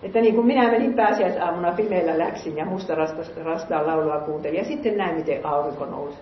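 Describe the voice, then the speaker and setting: A woman's voice: fairly low pitch, a little hiss or hum. A woman reading scripture aloud and musing on it in an earnest sermon, asking her listeners questions. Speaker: lay preacher. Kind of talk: Bible reading with sermon commentary. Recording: roomy, muffled recording.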